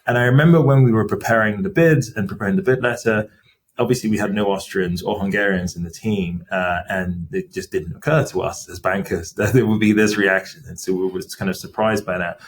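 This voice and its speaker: A middle-aged company CFO appears as a podcast guest, answering interview questions in a measured, explanatory way with frequent fillers. His voice is fairly low in pitch with a steady tone.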